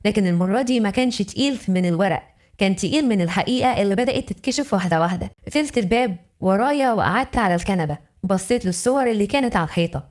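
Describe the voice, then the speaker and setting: Fast-talking Egyptian woman telling a story. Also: medium pitch, animated, darkish tone. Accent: Egyptian Arabic. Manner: emotional, intimate telling. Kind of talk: dramatic first-person story narration.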